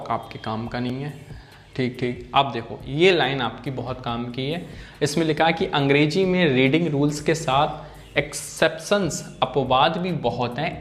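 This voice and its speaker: A man teaching an English phonics lesson, repeating example words and often checking in with his students. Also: a little high.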